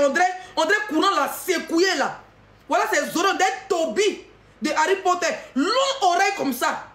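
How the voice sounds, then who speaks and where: A woman with an Ivorian French accent delivering a heated, taunting rant to the camera, often breaking into shouts. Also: extremely high pitch, reverberant.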